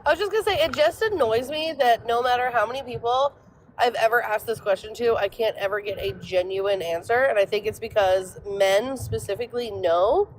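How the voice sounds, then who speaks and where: A woman's voice: a little high, fairly quick, poor audio. A woman in a heated casual debate, speaking bluntly and indignantly over a call connection that keeps breaking up. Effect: breaking-up call connection with dropouts. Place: in a driveway.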